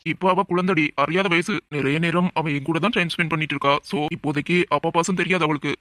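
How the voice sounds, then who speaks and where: A man's voice: on the high side, fairly even intonation, fast, pushed and bright, no echo. A man voicing a caring young male friend in an audio drama who talks earnestly and coaxingly.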